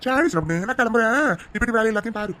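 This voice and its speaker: A performer voicing a sly, easygoing village husband in a cartoon who flatters and coaxes. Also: medium pitch, very fast, close to an everyday voice. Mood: coaxing. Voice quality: coaxing, flattering. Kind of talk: cartoon voice acting.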